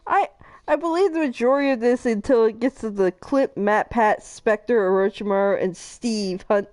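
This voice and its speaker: A woman's voice: fairly high pitch, normal speed, a little mellow. A woman hosting a live game stream, chatting casually and reading game events aloud, giggling often between lines. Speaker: streamer host.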